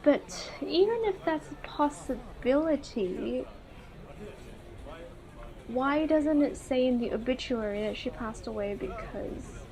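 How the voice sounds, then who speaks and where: Reading dialogue aloud from a story game, a woman comments in a tentative, musing way, thinking out loud as she plays. Her voice is high, animated, and mellow, and her pace is slow.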